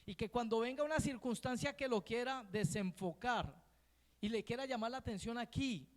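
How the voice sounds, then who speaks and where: A man's voice: very high voice, moderate pace, big-room sound. A man preaching a sermon as pastor, often checking in with the congregation with short questions. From Colombia. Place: church hall.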